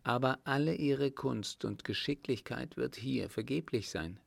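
A man voicing an earnest, timid young French noblewoman in a slow, gravelly audiobook reading. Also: medium pitch, dry recording, pitched above the performer's own voice.

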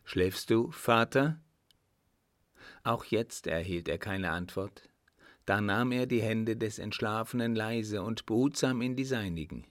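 A man reading a classic novel aloud in a measured, solemn manner. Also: fairly low pitch, dry recording, studio quality. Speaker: audiobook narrator. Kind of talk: scripted narration.

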